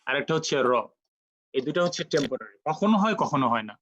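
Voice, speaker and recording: A man teaching Quran recitation rules in an online lecture, explaining patiently step by step and repeating sounds slowly for practice. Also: a little high, big pitch swings, a bit bright, a little hiss or hum, poor audio.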